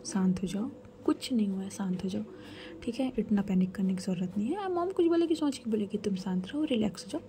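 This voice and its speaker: Woman voicing a gentle soothing sister-in-law. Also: medium pitch, expressive, brisk, slight background noise, lightly acted. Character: calm reassuring sister-in-law soothing someone.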